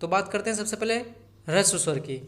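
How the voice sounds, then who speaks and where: A man's voice: high-pitched, expressive, quick pace, a bit bright. A man teaching an exam-prep grammar lesson, greeting viewers as friends and repeating each key point so they remember it.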